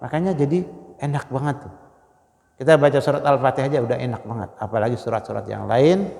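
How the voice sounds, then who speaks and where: A man preaching a dawn Ramadan sermon, swinging from loud exclamations to hushed prayers and chanting verses slowly. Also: medium pitch, vocal fry, long reverb tail. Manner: emotional, swings between loud exclamations and near-whispered prayers; chants Quranic verses slowly in melodic recitation. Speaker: Islamic scholar.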